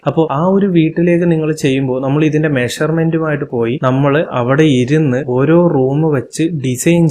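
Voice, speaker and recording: A man's voice: mid-range voice, a little mellow. Malayali man listing room furnishings. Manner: listing items, explanatory. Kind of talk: home tour explanation.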